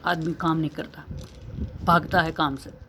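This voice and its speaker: A man's voice: fairly high pitch, level tone, a little slow, pushed and bright, slight background noise. A man, an English teacher, giving an earnest motivational lesson, asking rhetorical questions and repeating key phrases.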